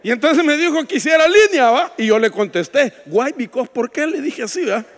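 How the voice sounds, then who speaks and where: A man preaching a sermon as a pastor, telling stories with joking asides, shouting out some lines and dropping to a hush for others. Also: extremely high pitch, big pitch swings, a little fast. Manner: storytelling preacher, swings from shouts to hushed asides; jokes with the congregation. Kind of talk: sermon at a women's retreat. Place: church hall. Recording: long echo of a large hall.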